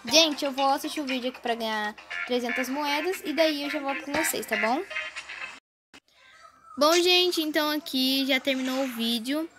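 A woman hosting a gaming channel, chattering excitedly through casual gameplay commentary while constantly talking to her viewers, recorded without her usual microphone. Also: sits high, normal speed, music in the background.

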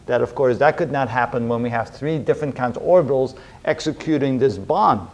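A middle-aged man gives a chalk-talk chemistry lecture at a whiteboard in an indoor room, explaining things step by step and often repeating his phrases. His mid-range voice is a little mellow, and he speaks a little fast.

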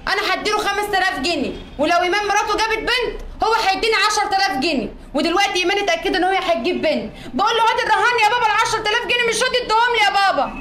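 A woman's voice: very high voice, animated, very fast, hardly any pauses, sharp tone, slight background noise, heavily acted. A woman playing a young Egyptian sister who insists on her bet money, demanding and relentless, in a comedy sketch. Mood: insistent.

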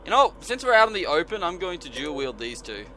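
Here his voice is a little high and fairly quick, bright and forceful, swinging widely in pitch. He keeps up the frightened, sarcastic, swear-filled horror-game commentary with game music behind him, on a rough recording carrying a bit of hiss or hum.

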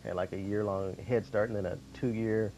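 A man's voice: fairly low pitch, fairly even intonation, normal speed, mellow. A man co-hosting a casual chat, dry and wisecracking. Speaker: co-host. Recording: dull lo-fi 1990s cable recording with faint hiss.

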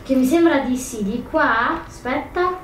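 This gamer's voice sits high and sounds animated, yet she takes her time. She comments casually on her play, musing aloud, stumbling and fixing her words often, all captured on a far-off mic in a roomy room with faint noise.

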